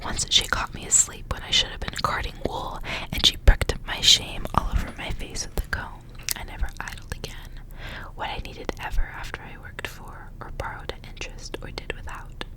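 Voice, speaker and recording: A woman who hosts an ASMR channel reads stories aloud entirely in an unvoiced whisper, blending the narration with casual, conversational asides. She speaks at a normal speed, and the audio quality is poor.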